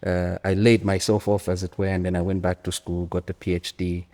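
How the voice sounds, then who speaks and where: The man has a deep, darkish voice with a flat delivery and talks a little fast. He's an economics academic in his early 40s with a Zambian accent, giving conversational interview answers that are reflective, emphatic, story-driven and repetitive, in a hall with long reverb.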